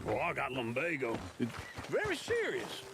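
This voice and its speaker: An actor with an American accent playing a grumbling, lazy old outlaw in a video game, wry and complaining. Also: male voice, mid-range voice, wildly swooping pitch, normal speed, music in the background. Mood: whining. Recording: loud outdoor noise, horse hoofbeats.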